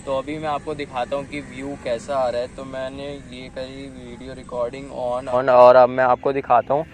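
Speaking in a mid-range voice over slight background noise, a young man unboxes a gadget and tries it out for his vlog, chatting with viewers he calls "guys." The clip begins in an open dirt field, shot on a phone camera, and later moves to a street ride recorded on a chest-mounted phone.

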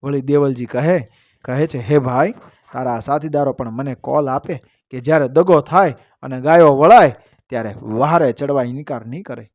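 A man's voice: mid-range voice, normal speed, darkish tone, no echo, clean studio sound. A man narrating a devotional folk story as a storyteller, chanting old verses in a lilting recital and then explaining each one in plain telling.

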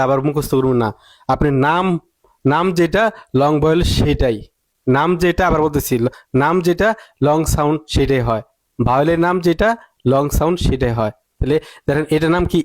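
A man's voice: fairly high pitch, a little fast, no echo. A man teaching an English reading lesson, emphatic, often repeating points and asking rhetorical questions.

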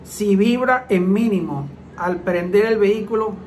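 High-voiced man explaining car repairs. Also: a little slow, a little mellow, a little hiss or hum, rough recording. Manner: repetitive, plain-spoken, acts out engine sounds. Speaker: automatic transmission mechanic hosting a car repair channel. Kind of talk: casual explanatory talk to viewers.

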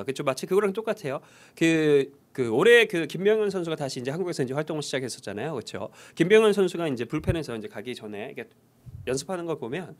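A male English conversation teacher leads a high-energy lecture at a fast clip. His voice sits slightly high and swings widely in pitch. He keeps cueing the class to jump in and repeat after him.

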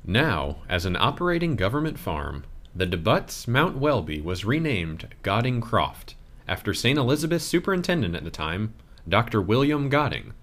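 A man reading a scripted audio tour narration in a measured, expressive way. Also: on the low side.

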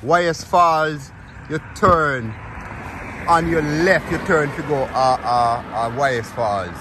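A man with a Jamaican accent hosting a casual vlog on a rural farm, chatting in lively patois. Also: on the high side, slow pace, background noise. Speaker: vlog host. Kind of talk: casual on-location chat. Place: outdoors at a rural farmyard.

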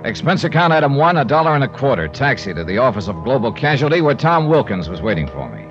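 A fast-talking, very animated man with a medium-pitched voice plays a wry, confident insurance investigator in a 1950s radio drama. He wisecracks in a clipped, dry style, both acting scenes and narrating in the first person. The vintage 1950s recording sounds muffled, with organ music behind him.

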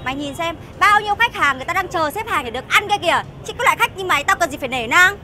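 A woman's voice: very high-pitched, lively intonation, rapid-fire, pushed and bright, slight background noise, full character voice. An actress playing a rude, bullying noodle shop owner who insults her customers in a web sitcom. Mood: scornful. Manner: scornful, insulting, bossy. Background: background music.

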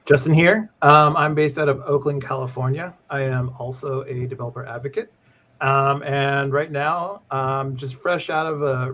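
On a live stream, a male developer advocate chats casually as co-host over a video call from an indoor room. His voice sits in the mid range and is a bit bright, though the webcam audio is dull and noisy.

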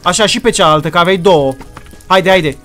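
High-voiced excitable male gamer. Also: faint music behind. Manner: theatrical, exclaiming, slips into English outbursts. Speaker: gaming video creator. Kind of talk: excited gameplay commentary.

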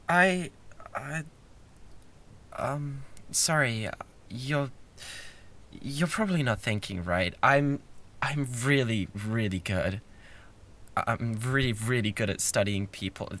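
In an ASMR roleplay, a British man with a mid-range voice plays a bratty, obsessive young classmate. He stammers intensely, swinging between soft pleading and outbursts.

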